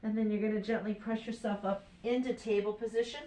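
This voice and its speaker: A woman yoga instructor talking a class through stretches in a calm, steady voice. Her pitch sits in the middle range. The sound bounces around a roomy, echoey space. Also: a little fast. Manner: calm, steady cueing of breath and poses.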